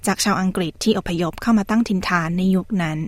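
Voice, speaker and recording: A woman's voice: mid-range voice, fast, no echo. A woman narrating a scripted news feature as a radio presenter, formal and carefully enunciated.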